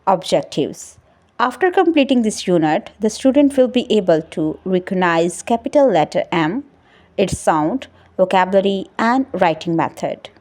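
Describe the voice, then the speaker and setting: A woman teacher talks to little kids in an extremely slow, drawn-out way. Her voice sits at an everyday middle pitch. She leans on key words with a sing-song emphasis. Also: expressive, darkish tone. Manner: prompts and praises children. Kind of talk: recorded classroom lesson.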